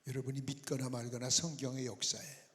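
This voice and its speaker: A male pastor delivers a sermon and prayer in an earnest voice of middle pitch. He often sinks to a hushed, near-whispered tone to press a point. His voice rings with the long reverb of a large prayer hall. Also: flat delivery, fairly quick. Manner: earnest, drops to soft near-whispers for emphasis.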